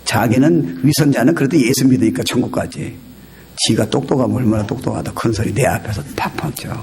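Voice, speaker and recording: A male pastor preaching a sermon, animated and exhorting, who breaks into shouted quotes and slips in English phrases. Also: mid-range voice, a little fast. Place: church.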